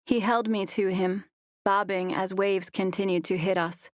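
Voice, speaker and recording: A woman narrating a first-person romance audiobook in a soft, even storytelling voice on a close mic. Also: mid-range voice, measured pace, no room sound.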